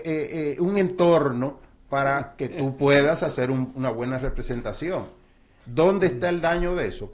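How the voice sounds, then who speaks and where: An older man, explaining personal finance in a casual, storytelling way, acting out quotes, with frequent fillers. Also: medium pitch. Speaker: guest speaker on finance. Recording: dull lo-fi sound.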